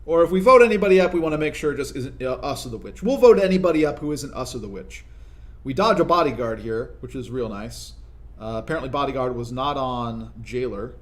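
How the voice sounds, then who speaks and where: A young man talks through a strategy game as he plays, explaining each move in a relaxed, conversational way. His voice sits at an ordinary middle pitch, and he keeps checking in with the listener as he reasons out loud. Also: brisk. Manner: conversational, explanatory, frequent "right?" tag questions. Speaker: gaming video commentator. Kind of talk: casual gameplay commentary.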